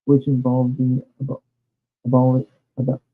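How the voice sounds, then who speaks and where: A man on a podcast reading a passage aloud, halting and stumbling over words. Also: medium pitch, completely flat delivery, breathy edge. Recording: tinny phone-like line with faint music.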